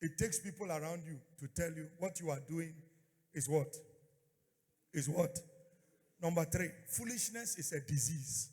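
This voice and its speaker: A man's voice: fairly high pitch, normal speed, hardly any pauses, a little mellow. Fiery male preacher in a reverberant hall. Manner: fiery, exhorting preacher delivery; repeats phrases and prompts the congregation to respond. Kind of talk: church sermon with call-and-response. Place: large echoing church hall.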